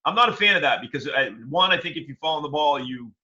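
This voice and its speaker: A man co-hosting a casual chat show, his bright, sharp voice sitting a touch high. He rambles with stammered restarts, and the sound is dull and lo-fi. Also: lively intonation. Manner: rambling, halting with repeated restarts. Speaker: co-host.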